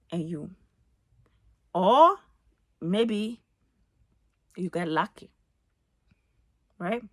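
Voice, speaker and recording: A woman's voice: medium pitch, vocal fry, breathy edge, dry recording. A woman speaks straight to the camera in her own home, preaching advice with heavy emphasis and repeated phrases. Her voice sits in a middle register. The recording is close and dry, with almost no room sound. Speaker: vlogger giving life advice. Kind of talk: casual advice monologue. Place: home, getting ready for the day.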